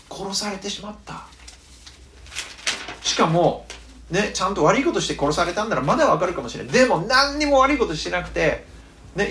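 A middle-aged man preaching in a western Japanese dialect, his pitch leaping around as he tells the story. He acts out the voices and swings from loud to hushed. His voice rings in a roomy, echoing space. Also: a little hiss or hum. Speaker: pastor. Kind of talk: sermon.

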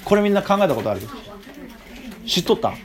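Youth teacher, a man with an animated, swinging voice, chatty and full of questions to the group. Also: sits high, quick pace. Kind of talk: interactive Bible talk to young listeners.

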